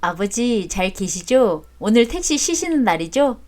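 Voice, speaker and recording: A woman's voice: medium pitch, very animated, measured pace, darkish tone. A woman doing a cheeky grown-up son. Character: blunt adult son, cheeky toward his father.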